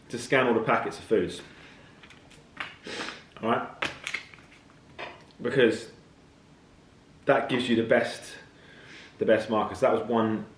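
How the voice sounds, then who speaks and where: In an echoey room, a fitness coach talks casually to camera in a vlog, chatty, blunt and matter-of-fact. His voice is medium-pitched.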